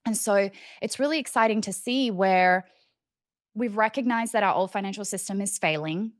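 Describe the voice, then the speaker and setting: Thinking aloud in a relaxed, conversational way, this cryptocurrency educator is a young Australian woman aged 20s to 30s. She speaks at medium pitch and moderate pace, recorded dry with clean studio quality.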